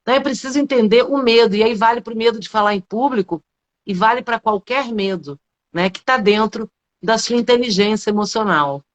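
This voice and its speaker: A woman's voice: fairly high pitch, brisk. A middle-aged woman with a Brazilian Portuguese accent, a public speaking coach explaining ideas as a guest in a live interview, posing rhetorical questions and adding frequent tag questions.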